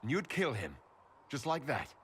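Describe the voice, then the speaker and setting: An actor playing an earnest, principled male hero leader in a video game, measured and sincere. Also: medium pitch, big pitch swings, fairly bright tone, a little hiss or hum.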